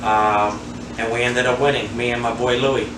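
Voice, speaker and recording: Here a new male voice, a handball player in his forties from Queens, New York, reminisces during a casual interview in which he's the guest. He speaks at a moderate pace and medium pitch, relaxed and rambling with many fillers. The sound is flat and roomy, off-mic and noisy.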